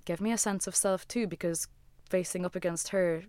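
A woman with a smooth, clear, slightly low voice, recorded close and dry. She chats casually as an interview guest, rambling and scattering "like" fillers through her sentences. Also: steady tone, normal speed, mellow, no room sound. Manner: rambling, heavy use of "like" fillers. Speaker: guest, musician and former designer.

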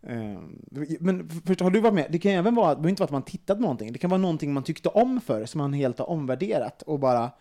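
A young man hosting a casual podcast chat, talking in an animated way with many fillers and some swearing when worked up. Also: fairly high pitch, hardly any pauses. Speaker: podcast host.

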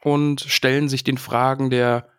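A man's voice: medium pitch, flat delivery, a little slow, clear, resonant tone, no echo, clean studio sound. A man co-hosting a casual podcast about a book, cheerfully reading passages aloud with feeling. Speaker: podcast co-host.

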